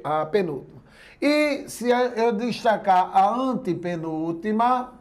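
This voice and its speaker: A man with a high voice gives a grammar lesson in a Brazilian Portuguese accent. He walks through each point patiently and keeps asking whether everyone is following. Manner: explains step by step, keeps checking in with listeners. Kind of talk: classroom lecture.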